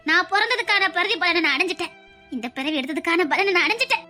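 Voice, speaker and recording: A woman's voice: extremely high pitch, animated, quick pace, pushed and bright, faint music behind, heavily acted. A woman playing a proud, loving elderly grandmother who speaks with a Tirunelveli Tamil accent in a comedy skit, sentimental and preachy. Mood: peaceful.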